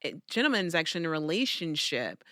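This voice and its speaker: Bright-voiced Southern woman telling stories. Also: low voice, sing-song, quick pace, no echo, studio quality. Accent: Southern American. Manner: storytelling, emphatic, affirming. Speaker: podcast co-host. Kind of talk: casual chat.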